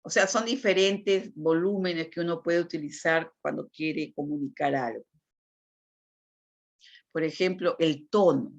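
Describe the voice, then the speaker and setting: Woman teacher lecturing, lowish voice, keeps asking "right?", muffled lo-fi sound. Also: unhurried. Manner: explanatory, frequent tag questions. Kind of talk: lecture on communication. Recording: dull lo-fi recording.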